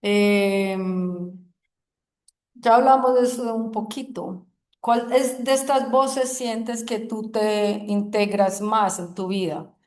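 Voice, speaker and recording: Slow, gentle woman teaching in an echoey room. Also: mid-range voice, steady tone. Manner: slow, soothing, asks "¿sí?" often. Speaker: yoga teacher. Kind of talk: gentle reflective group teaching. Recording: roomy echoing room.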